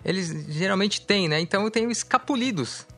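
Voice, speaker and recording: A man's voice: sits high, lively intonation, brisk, fairly bright tone. A man co-hosting a radio music show, chatting easily and correcting himself as he thinks aloud. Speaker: radio host. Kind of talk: casual radio chat introducing songs.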